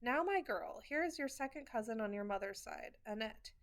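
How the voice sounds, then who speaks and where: A fussy old grandmother, as a woman reads her lines, bossy yet doting. Her voice sits fairly high, in the same storybook telling as the narration. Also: lively intonation, moderate pace, natural voice.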